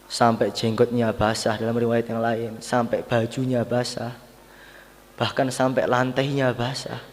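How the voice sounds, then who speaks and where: A man preaches, telling stories and driving his points home with repeated words. His voice sits at a middle pitch and swells from soft passages into loud, fervent outbursts. A long reverberation trails behind him, as if in a large hall. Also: level tone, measured pace, slight background noise. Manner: dramatic, rising to loud, emphatic peaks with repeated phrases. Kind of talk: sermon storytelling.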